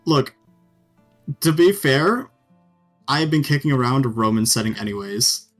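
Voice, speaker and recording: A man's voice: medium pitch, expressive, a little slow, soft background music. A man running a tabletop game as dungeon master, bantering and swearing freely with his players. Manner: profane, joking banter.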